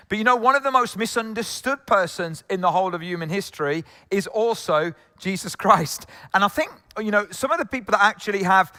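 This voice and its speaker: High, bright pastor in a reverberant hall. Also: male voice. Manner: jokey, conversational preaching with frequent fillers. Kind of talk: sermon. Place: church hall.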